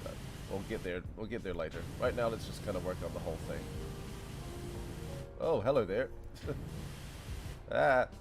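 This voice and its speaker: A man with a low, animated voice streams a game at a moderate pace, leaving long pauses. He rambles chattily to his viewers and laughs frequently as he talks to chat, with game music underneath.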